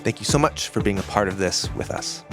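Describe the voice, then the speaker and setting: A man's voice: fairly low pitch, fairly quick, music in the background. A man co-hosting a podcast, affirming his partner's points and reading the closing announcements. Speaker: podcast co-host. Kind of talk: casual discussion and show outro.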